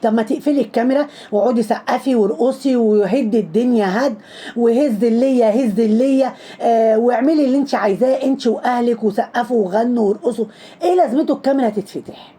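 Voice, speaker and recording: A woman's voice: on the high side, racing, dark tone, husky. A woman with an Egyptian accent, giving sarcastic commentary on trending videos, scolding and mocking with lots of repetition. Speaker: social media commentator.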